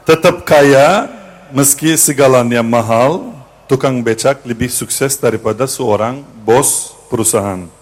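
A man who works as a teacher, speaking casually and reflectively to an audience, pausing with fillers. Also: mid-range voice.

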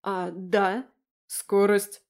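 A woman's voice: mid-range voice, fairly even intonation, slow, lightly acted. A woman reading a curt, commanding man. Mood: clipped. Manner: clipped, matter-of-fact.

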